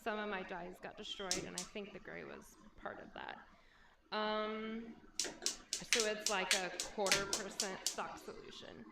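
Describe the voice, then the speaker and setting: A woman's voice: medium pitch, steady tone, measured pace, creaky, very noisy. A woman hosting a casual livestream chat with viewers. She reads their comments aloud and talks in a chatty way. Her voice sounds hollow and echoey, as if she were inside a barrel, because two microphones are picking it up. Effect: hollow, echoey sound as if inside a barrel, from her voice being picked up on two mics. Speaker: livestream host.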